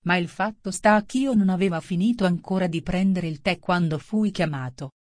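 A woman's voice: on the low side, moderate pace, darkish tone, no echo, close to an everyday voice. Brief: storybook hatter witness, woman reader, apologetic and rambling, dry sound.

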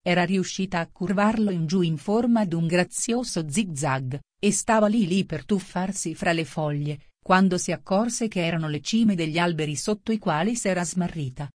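A woman reading a storybook aloud as narrator, in a steady, measured way. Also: lowish voice, no room sound, clean studio sound.

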